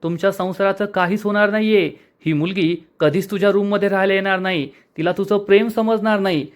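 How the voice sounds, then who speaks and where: A man's voice: sits high, steady tone, brisk, lightly acted. A man reading the lines of a harsh, scornful aunt who scolds the bride.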